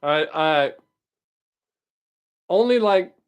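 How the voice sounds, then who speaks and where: Upbeat guy in his late 50s, slightly high voice, just chatting with his stream viewers. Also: animated, extremely slow, clear, resonant tone, muffled recording. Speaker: livestream host. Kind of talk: casual chat with live viewers.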